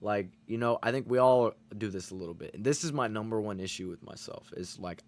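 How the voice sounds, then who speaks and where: A man's voice: lowish voice, fairly quick, a little hiss or hum. A man streaming to his chat, rambling and self-reflective in casual motivational talk, full of fillers and frequent swearing.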